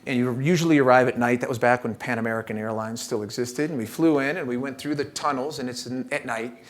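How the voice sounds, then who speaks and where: A middle-aged man giving a relaxed, humorous keynote talk at a church event, telling stories with frequent fillers. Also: mid-range voice, fast. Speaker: keynote speaker. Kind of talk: conversational keynote talk with storytelling.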